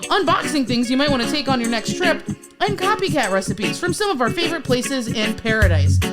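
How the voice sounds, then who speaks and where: High-voiced, upbeat woman podcast host. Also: sing-song, a little fast, loud music behind the voice. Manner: upbeat, jokey sign-off. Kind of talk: casual podcast chat.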